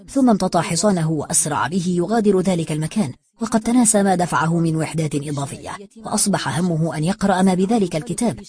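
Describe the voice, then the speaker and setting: An audiobook narrator reading a novel as scripted narration, brisk and even. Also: mid-range voice.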